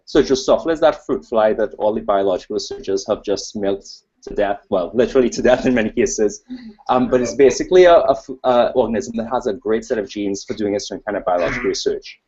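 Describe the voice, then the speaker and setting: On dull, lo-fi webcast audio carrying a little hiss or hum, a man from Trinidad presents his research informally at a conference, using slides. His Trinidadian-accented voice is on the low side with a dark tone and a quick pace, and his talk is digressive and self-deprecating.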